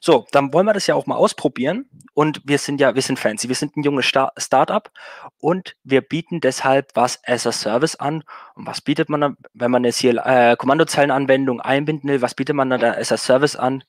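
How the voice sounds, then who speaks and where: Man giving a relaxed technical talk. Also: mid-range voice, brisk, dry recording. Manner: relaxed, many fillers and self-corrections. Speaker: meetup speaker.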